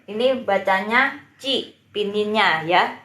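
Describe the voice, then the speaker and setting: A woman teacher speaks very slowly, going over each word again and again at an unhurried pace. Her voice rings in an echoey room. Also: mid-range voice, pushed and bright. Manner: patient, repeats words and drills pronunciation. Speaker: Mandarin teacher. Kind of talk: live-streamed beginner language lesson.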